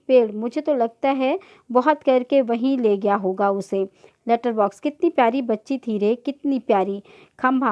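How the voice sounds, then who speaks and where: A woman teacher reading a children's play aloud to a class, voicing each character's lines in turn. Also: a little high. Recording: dull lo-fi recording.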